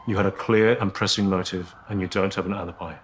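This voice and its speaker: An actor as a stern, low-voiced detective. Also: male voice, steady tone, quick pace, slight background noise, lightly acted. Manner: formal, stern. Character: stern police detective charging a suspect.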